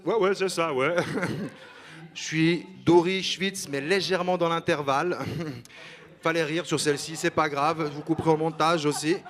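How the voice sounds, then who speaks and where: Casting: male stand-up comic from Switzerland, fairly high voice, teasing and cheeky. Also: fairly even intonation, measured pace, fairly bright tone. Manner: cheeky, chatty, teasing the audience. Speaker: stand-up comedian. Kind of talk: stand-up routine. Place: stage before a live audience.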